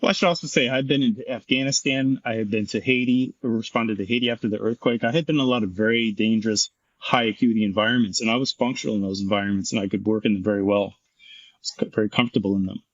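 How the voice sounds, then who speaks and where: A man's voice: fairly low pitch, steady tone, fast, no room sound, lo-fi sound. A middle-aged man, a former firefighter and paramedic, telling his story frankly and intensely in an interview, swearing freely.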